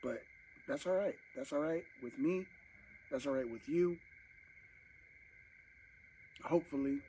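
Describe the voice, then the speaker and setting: A man's voice: a little high, measured pace, warm tone, slight background noise, poor audio. A man vlogging casually to camera while eating, rambling and talking with his mouth full, at home at night. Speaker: mukbang vlogger.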